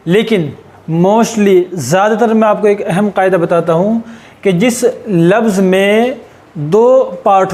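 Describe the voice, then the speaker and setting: A man teaching English grammar in a patient, explanatory way, repeating and rephrasing points and slowing down to spell out English example sentences. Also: sits high, darkish tone. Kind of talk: explanatory lesson.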